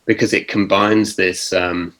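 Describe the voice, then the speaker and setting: A man speaking on an online panel over a video call, thoughtful and halting, with many pauses and restarts. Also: low voice, little pitch movement, fairly bright tone.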